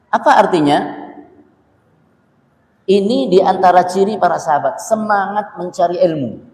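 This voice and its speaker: A man's voice: sits high, darkish tone, reverberant, big-room sound, rough recording. A man preaching a religious lecture in a conversational way, repeating phrases for emphasis and asking his listeners questions. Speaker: Islamic preacher.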